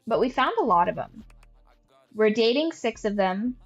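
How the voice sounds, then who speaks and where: A woman's voice: on the high side, animated, normal speed, muffled recording. A woman giving casual gameplay commentary as a streamer. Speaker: game streamer. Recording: faint background game music.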